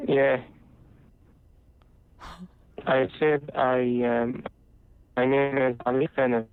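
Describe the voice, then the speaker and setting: A male caller speaking haltingly over a bad phone line that keeps dropping out. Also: mid-range voice, level tone, clear, resonant tone, no room sound. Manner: hesitant, halting. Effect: breaking-up phone line, call dropping out.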